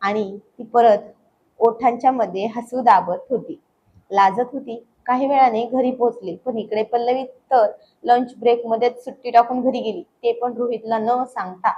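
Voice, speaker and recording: A woman narrating a romantic family story in a steady, intimate way. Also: a little high, moderate pace, lo-fi sound, slight background noise.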